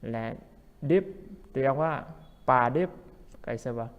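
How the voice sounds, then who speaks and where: Very slow-talking man teaching vocabulary. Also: a little high, animated, narrow, tinny audio. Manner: repeats each English word slowly several times. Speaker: English teacher. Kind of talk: vocabulary lesson. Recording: long hall reverb.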